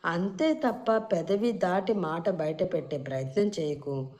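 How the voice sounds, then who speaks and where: Woman voicing a bossy young bride, curt, commanding, sharp-tongued, storybook reading. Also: mid-range voice, very animated, normal speed, lightly acted. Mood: threatening.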